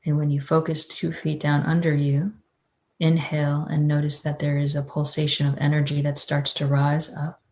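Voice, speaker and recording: A woman teaching a guided breathing meditation in a soothing, unhurried, mystical healer's tone. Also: low voice, completely flat delivery, a little mellow. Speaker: energy-healing teacher.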